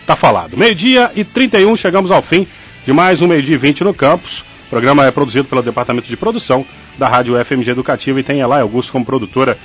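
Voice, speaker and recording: A man's voice: mid-range voice, lively intonation, fast, fairly bright tone, faint music behind. A man with a Brazilian accent hosting a radio sports show, talking casually and often correcting himself with little fillers. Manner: chatty, frequent "né" fillers and self-corrections. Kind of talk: casual radio news chat. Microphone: studio microphone.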